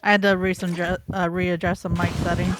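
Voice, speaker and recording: A woman on voice chat from home, teasing with quick quips and giggling. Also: fairly low pitch, little pitch movement, background noise. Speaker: guest on voice chat. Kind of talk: casual voice-chat banter.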